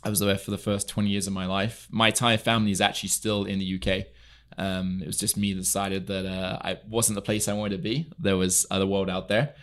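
A young man from England, an equestrian entrepreneur, is the podcast guest in this casual studio chat, telling earnest stories with many fillers. His voice is low-pitched and level, and he talks a little fast.

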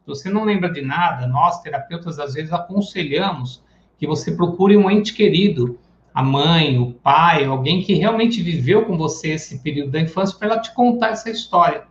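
Man with a high voice, lecturing casually on psychology in a live stream. Echoey room, dull lo-fi sound. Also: animated, moderate pace. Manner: casual and chatty, acting out everyday examples. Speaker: psychoanalysis teacher.

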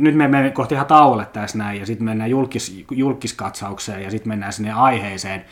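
A young man hosting an unscripted solo podcast from his apartment, talking in a blunt, profane, rambling way. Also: medium pitch. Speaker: podcast host. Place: apartment at home.

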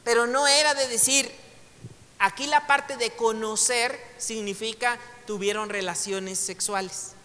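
A man's voice: very high voice, steady tone, a little slow, sharp tone. A man with a Mexican Spanish accent giving a casual Bible lesson to a class. He talks conversationally, makes joking asides and reads passages aloud. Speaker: Bible teacher. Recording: long hall reverb.

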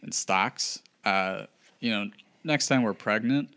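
A man's voice: fairly low pitch, slow, bright, forceful tone, clear, resonant tone. A young man, a podcast co-host, chatting casually, laughing often and mocking himself. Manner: laughs a lot, reluctant and self-mocking. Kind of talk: casual chat.

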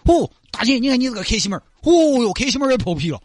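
A man's voice: very high-pitched, big pitch swings, racing, no room sound, pitched above the performer's own voice, exaggerated voice. A man voicing a kindly, fussing middle-aged bus driver with a Sichuanese accent who coaxes and chatters. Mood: coaxing.

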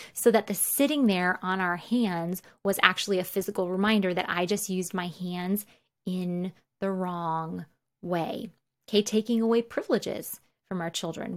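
Earnest woman teaching about parenting. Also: medium pitch. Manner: earnest, laughs often, says "okay" to move on. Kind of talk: casual teaching talk.

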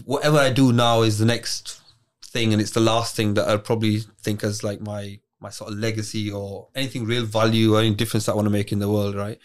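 A man's voice: lowish voice, level tone, fast talker. A man aged forty with a British Bradford accent, chatting casually and informally in a group, often saying "bro" and "man". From Bradford, England. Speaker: guest, former charity chief executive.

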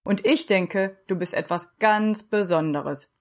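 A woman voicing a gentle old woodcarver. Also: medium pitch, natural voice. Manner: gentle, slow, reassuring. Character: big gentle bearded old woodcarver, kind.

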